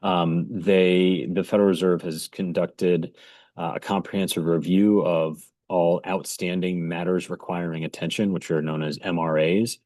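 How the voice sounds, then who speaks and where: A man giving informal explanatory commentary in a measured, hesitant way with frequent pauses. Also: low voice, fairly even intonation, darkish tone, dry recording.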